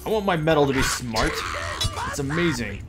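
A man doing casual video game commentary, excitable and jokey, yelling at enemies as he plays. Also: a little high, moderate pace, loud music behind the voice. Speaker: let's play host.

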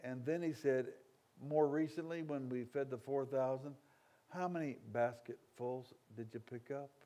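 A man preaching a revival sermon, telling stories with humorous asides and acting out complaining crowds. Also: a little high. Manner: dynamic, swinging from loud outbursts to quiet asides.

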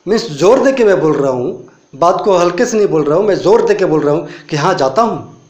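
Indian male English tutor, step-by-step classroom explainer, higher voice, echoey room. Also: lively intonation, a little mellow, dull audio. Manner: explains step by step with many rhetorical questions; slow, deliberate English example phrases. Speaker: English teacher. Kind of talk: spoken English lesson.

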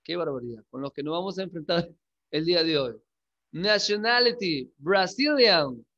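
A male English teacher giving a class, repeating words slowly and checking in with questions. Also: a little high, expressive, pushed and bright, highs cut off. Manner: coaxing, checks in with frequent questions. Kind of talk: classroom lesson.

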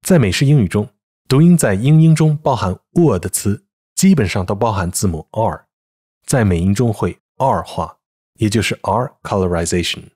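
Low husky male pronunciation teacher. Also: expressive, mellow. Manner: clear, measured explanation with slow example words. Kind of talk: scripted lesson narration.

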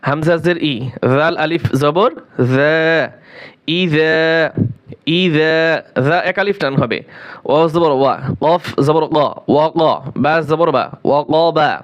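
A man leads a recitation lesson, sounding out each word letter by letter before chanting it. His voice sits somewhat high, and he moves at a very slow, deliberate pace. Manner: spells each word syllable by syllable, then chants it slowly. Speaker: Quran recitation teacher.

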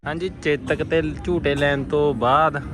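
A man's voice: fairly high pitch, fairly even intonation, measured pace. A young man with a Punjabi accent giving casual, slangy, enthusiastic vlog commentary as he shows viewers around. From Punjab, India. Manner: colloquial, enthusiastic exclamations and slang. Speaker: vlogger showing viewers around. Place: outdoors at a village-themed attraction. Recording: loud music behind outdoor vlog.

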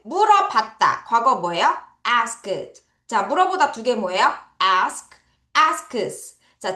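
A woman teaching English vocabulary to children in an online lesson. She drills pronunciation and has the kids repeat each word slowly after her. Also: high voice, bright, forceful tone, echoey room. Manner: calls herself teacher, talks to kids directly.

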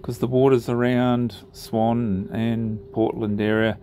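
A man narrating his sailing trip over drone footage in a relaxed, unhurried way, with frequent ums and pauses. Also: medium pitch, slight background noise.

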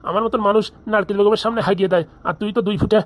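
Fast blustering woman sketch actor. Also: medium pitch, fairly even intonation. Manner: blustering, threatening. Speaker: comedy sketch performer. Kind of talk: comic sketch acting.

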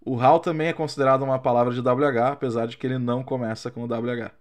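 A man whose first language is Portuguese, teaching an English grammar lesson and reading out example forms slowly and carefully. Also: medium pitch, fairly even intonation. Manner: slow, carefully spaced explanations with drawn-out English examples.

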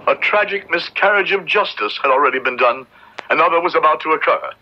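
In a radio drama, a man plays a grave, devout Puritan judge, delivering formal, solemn oratory in a resolute mood. His voice is on the high side, animated and brisk, heard through a dull, band-limited old radio recording.

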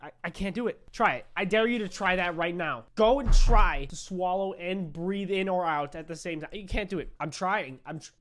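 A woman giving playful, teasing commentary while playing a game, swinging between mock outrage, shouts and laughter. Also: fairly low pitch, moderate pace. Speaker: gaming vlogger.

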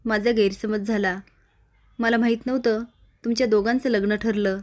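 A woman's voice: a little high, fairly even intonation, moderate pace, lightly acted. A woman reading the lines of a proud, stern unmarried woman in an earnest way.

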